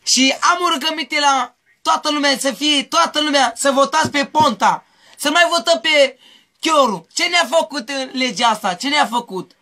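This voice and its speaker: A man with a very high, sharp, piercing voice rambles through a street interview. He pleads in circles and repeats the same questions again and again. He grew up in Mehedinți. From Mehedinți, Romania.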